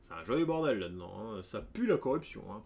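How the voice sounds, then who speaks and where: A man's voice: fairly low pitch, big pitch swings, a little fast, creaky, darkish tone, husky. Chatty male game streamer. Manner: chatty, joking asides to chat. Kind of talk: casual live-stream commentary.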